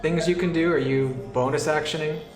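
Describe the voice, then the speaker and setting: Guy dm-ing a tabletop game on stream, a bit high voice, echoey room, faint music behind. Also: steady tone, a little fast. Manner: joking, self-deprecating. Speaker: dungeon master. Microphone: desk mic for a stream.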